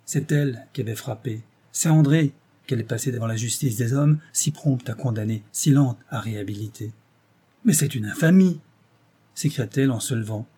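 A man narrating a novel as an audiobook in a measured, even storytelling manner. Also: medium pitch, slightly rough.

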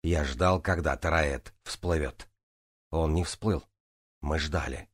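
A man narrating a first-person audiobook in a steady, even reading. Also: very deep voice, takes it slowly, dry recording, studio quality.

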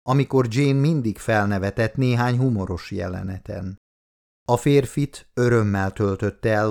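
A man narrating an audiobook in a calm, measured reading voice. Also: mid-range voice. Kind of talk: scripted narration.

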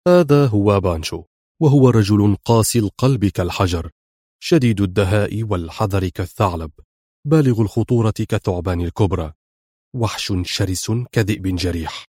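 A stern intelligence chief , read by a man in a low voice, firm and grave in a spy audiobook. The sound is dry and close, with no room around it. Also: fairly quick, mellow, husky, dry recording. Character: stern middle-aged male intelligence chief.

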